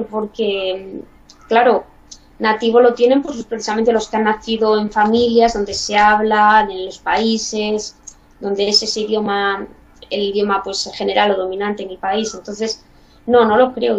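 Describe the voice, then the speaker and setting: A woman's voice: a little high, level tone, normal speed, a little mellow. A woman from Spain with a Spanish accent, a guest chatting in an interview and thinking aloud with "mm" and "pues". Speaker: guest, bilingual parent. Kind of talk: casual interview. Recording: distant, dull lo-fi mic.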